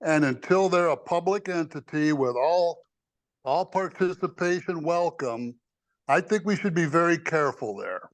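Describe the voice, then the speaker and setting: A man's voice: fairly high pitch, animated, moderate pace. A man in a public committee meeting on a video call, bluntly and firmly stating his objection. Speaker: committee member.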